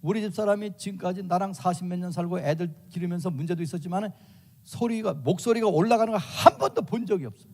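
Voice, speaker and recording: An older man delivers a sermon in a slightly high voice, hammering points home by repeating them. He acts out family quarrels and swings from sudden loud outbursts to soft, hushed tones. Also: quick pace. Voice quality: shouts out loud in acted quotes. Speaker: preacher.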